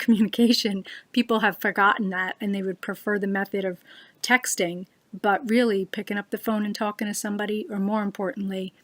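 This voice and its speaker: An earnest woman speaks straight into her computer's webcam. She gives a personal talk and slows down to press her main points. Her voice sits at a middling pitch and the recording is dry and close. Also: fairly bright tone, dry recording. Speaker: speaker giving a short talk.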